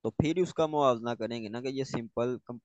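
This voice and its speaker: A man's voice: mid-range voice, moderate pace, no room sound, muffled recording. A man, a student thinking aloud and asking a teacher questions about grammar. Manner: hesitant, thinks aloud, restarts.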